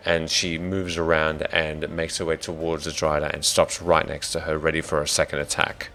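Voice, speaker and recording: An Australian man narrating a tabletop game as dungeon master, thinking out loud and muttering to himself while he sets things up. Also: extremely low pitch, completely flat delivery, normal speed, soft background music.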